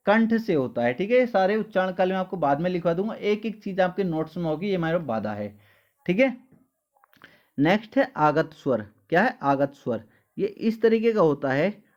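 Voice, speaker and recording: High-voiced man teaching a class, lo-fi. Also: a little mellow. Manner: repeats questions and answers them himself; addresses listeners as dear children. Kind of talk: exam-prep lesson.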